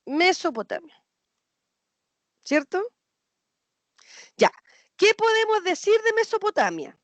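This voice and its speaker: A woman's voice: extremely high pitch, big pitch swings, takes it slowly, no room sound. A woman teaching a history class, asking questions, repeating students' answers and checking that they follow.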